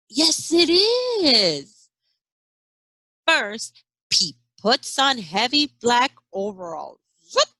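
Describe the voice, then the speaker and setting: An early education teacher reads a picture book to young children in a bright, fairly high voice, taking her time and acting out sound effects and exclamations. She adds chatty questions along the way, and the recording is close and dry, with no room sound.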